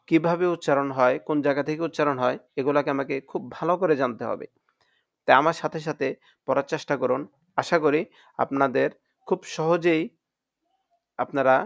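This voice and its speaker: A man teaching Quran reading in a recorded lesson, with a Bangladeshi Bengali accent. He says each letter slowly three times so listeners can repeat after him. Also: on the high side, creaky, no echo, clean studio sound.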